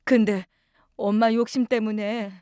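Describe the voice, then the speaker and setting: Frail elderly mother, voiced by a female narrator, weak, slow, tender, dry close sound. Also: on the high side, fairly even intonation, dark tone, clear, resonant tone, no echo, lightly acted. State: weak, just awakened.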